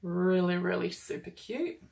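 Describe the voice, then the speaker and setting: A woman's voice: fairly low pitch, a little slow, gravelly, a little mellow. A woman talking casually and enthusiastically as she unboxes and reviews a planner kit, gushing over each item. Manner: gushing and enthusiastic, chatty with fillers.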